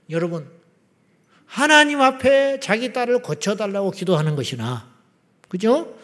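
A man preaching a sermon as pastor, acting out quoted prayers and rising to loud cries. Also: sits high. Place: large church sanctuary. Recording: long hall reverb from church sanctuary.

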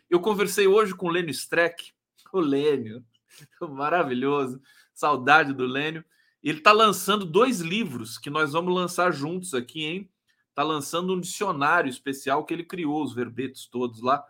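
High, bright-voiced Brazilian live-stream host. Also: male voice. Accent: Brazilian Portuguese. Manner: gleeful and excitable, breaks into shouts and laughs. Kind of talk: casual live-stream chat reading viewer comments.

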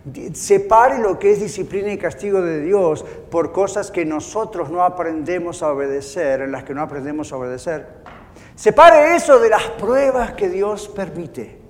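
High-pitched guy preaching, acts out little voices, echoey hall. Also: lively intonation, moderate pace. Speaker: pastor. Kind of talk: sermon.

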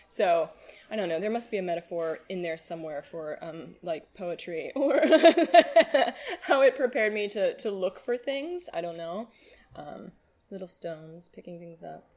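A woman's voice: lowish voice, darkish tone. A woman chatting casually as an interview guest, playful, slangy and given to rambling. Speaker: festival guest being interviewed, poet. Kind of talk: casual chat.

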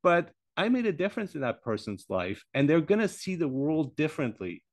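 A man's voice: a little high, sing-song, a little fast, no echo. A man in his forties, born in Iran and raised in Germany, speaking as a podcast guest in a reflective, hesitant way with many fillers and restarts. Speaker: podcast guest, language teacher. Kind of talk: casual interview conversation.

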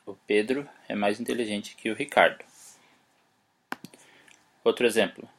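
A man with Portuguese as his first language giving a casual spoken English lesson, spelling words out letter by letter and slowing down for his example sentences. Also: on the low side, fairly even intonation, a bit bright, a little hiss or hum. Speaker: English teacher, podcast host.

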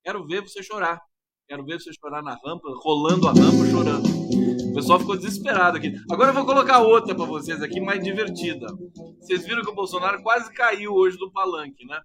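A man hosting a live stream, giving teasing, animated political commentary. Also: sits high, a little fast, over loud music.

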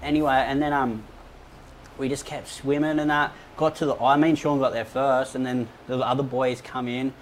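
A young Australian man tells a wild story in a rambling, casual way, swearing often and filling gaps with "um" and "like". His pitch sits in the middle, and there is a faint hum of ambient noise behind him. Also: fairly even intonation, normal speed, low-quality recording. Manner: swears a lot, rambling with many fillers. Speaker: guest.

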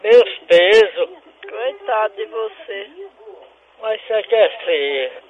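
A man playing a cranky, suspicious old father who answers the phone gruffly and hurls insults. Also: high-pitched, expressive, slow, lo-fi sound. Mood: irritated. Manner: gruff, insulting, keeps demanding who is calling. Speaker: prank call character. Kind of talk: comic radio prank call.

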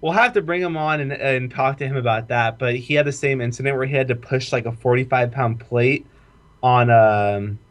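A man's voice: mid-range voice, normal speed. A young man talks in loose, casual chat. He rambles through the story with "like" in every line and swears freely. He sounds like a former college football player remembering his coach. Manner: rambling, heavy "like" filler, profane. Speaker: podcast co-host, former college football walk-on.

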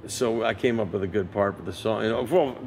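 A man's voice: on the low side, brisk, gravelly, slight background noise. An older man, a session guitarist, telling stories in a casual interview and animatedly acting out the people he quotes. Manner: animated storyteller who acts out quoted voices.

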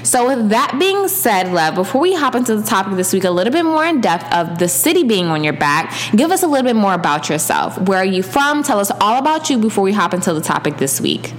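A woman's voice: medium pitch, sing-song, brisk, hardly any pauses, soft background music. A woman hosting a podcast interview, introducing her guest in an upbeat, enthusiastic way. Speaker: podcast host.

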